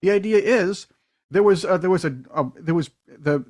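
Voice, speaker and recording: Hesitant man, higher voice. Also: moderate pace, a little mellow, a little hiss or hum. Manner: hesitant, many fillers and restarts. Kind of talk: political panel chat.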